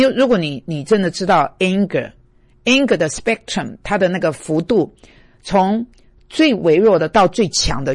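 A middle-aged man preaching a sermon as a pastor, animated and full of rhetorical questions at his listeners, dropping English words into his Mandarin. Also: high-pitched, gravelly, no echo, studio quality.

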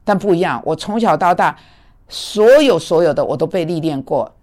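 A woman's voice: lowish voice, normal speed. Blunt scolding woman preacher. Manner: blunt, scolding, lively and animated. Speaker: preacher and mentor. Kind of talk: sermon. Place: speaking in Manhattan.

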